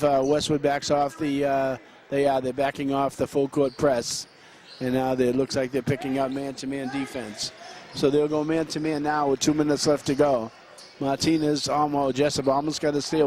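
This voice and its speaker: A man calling play-by-play for a high school basketball game, running through quick action with frequent fillers and restarts. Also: a little mellow, slight background noise. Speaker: play-by-play announcer.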